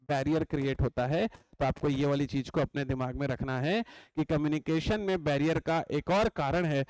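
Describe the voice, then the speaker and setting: A young man gives an exam-coaching lecture, writing on a board as he talks. He explains chattily, repeats his points, and often checks that the class is keeping up. His voice is a little high and darkish, with no room sound and poor audio quality.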